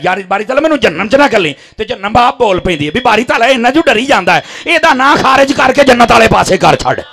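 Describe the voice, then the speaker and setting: High, animated fiery Punjabi preacher man. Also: creaky. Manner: impassioned, swings from murmurs to shouted climaxes. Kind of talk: fiery Punjabi sermon to a crowd.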